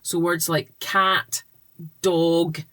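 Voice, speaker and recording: A woman with a fairly low voice, talking as a reading tutor. She explains her tips patiently and without rushing, in the plain manner of an instructional vlog. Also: flat delivery, a bit bright.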